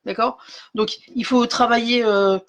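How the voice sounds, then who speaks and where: A woman's voice: fairly high pitch, steady tone, unhurried. A woman hosting a live craft tutorial, explaining step by step with many fillers and greeting viewers by name as she works. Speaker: craft demonstrator.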